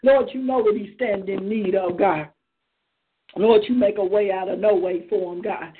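A woman serving as prayer leader on a prayer line chants a passionate, unscripted prayer at a moderate pace, punctuating each phrase with "Lord God." Her mid-range voice comes through a phone, sounding tinny, with slight background noise.

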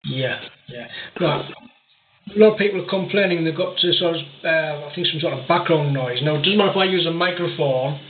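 A man heard over a speakerphone on a webcam mic, his voice distant, roomy and tinny with a thin hiss underneath. His voice sits a little high for a man, and he tells his story in a loose, rambling way, often checking in with "right?". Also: fairly quick. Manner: rambling, keeps adding "right?". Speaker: guest. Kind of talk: casual storytelling. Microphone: webcam microphone.

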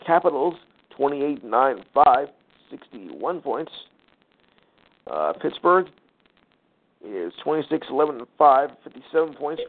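A man's voice: mid-range voice, expressive. Man reading scores over a tinny phone line. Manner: rattles off numbers with fillers, sighs and quick asides. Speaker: sports talk show host. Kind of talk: reading scores and standings, casual commentary. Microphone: phone call line.

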